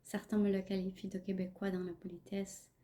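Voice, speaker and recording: A woman with a Pakistani accent and Punjabi as her first language, reading a reflective spoken-word monologue in a measured, poetic way that sometimes drops to a near-whisper. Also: mid-range voice, flat delivery, warm tone. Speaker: podcast host.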